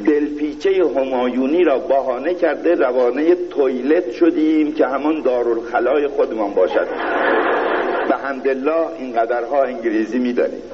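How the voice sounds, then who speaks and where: A man giving a satirical reading in a mock-royal court style, slow and pompous. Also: mid-range voice, highs cut off, background noise. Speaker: reader of a satirical piece.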